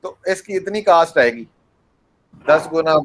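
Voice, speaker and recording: A man lecturing a class with a fairly high voice. He acts out small scenes to explain a point, puts questions to his students and slips English phrases into his speech. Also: lively intonation, unhurried, fairly bright tone, slight background noise, poor audio. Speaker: university lecturer.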